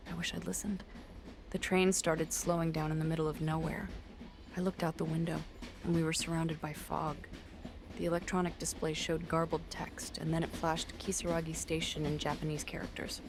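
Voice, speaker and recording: A young adult woman narrates a found-footage horror film, playing a frightened young American student who makes a hushed, breathy first-person confession on a recording. Her voice sits low with little pitch movement at a moderate pace, the mood uneasy and hushed. The recording is very noisy, with ambient hiss.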